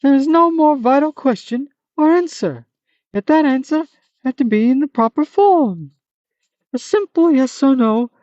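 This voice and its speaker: A reader voicing the Manticora, a fierce monster turned solemn and philosophical, in a high, loud, theatrical voice, on a dull, muffled recording. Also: dry recording.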